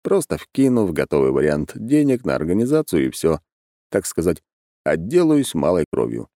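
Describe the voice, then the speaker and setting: A man's voice: low voice, huge pitch swings, normal speed, mellow, no room sound, clean studio sound. A man narrating a first-person audiobook in a wry, conversational way.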